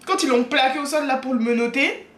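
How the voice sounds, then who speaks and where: A woman's voice: sits high, brisk. Laughing young woman vlogger, echoey room. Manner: slangy, laughing, lively storyteller. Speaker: vlogger host. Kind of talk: casual story-time chat. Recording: echoey room with loud music behind.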